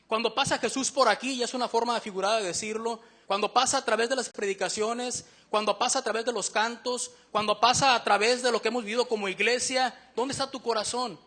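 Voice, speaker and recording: Bright high-voiced preacher man. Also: steady tone. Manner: earnest, questioning the congregation, slows down to read verses. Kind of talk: sermon.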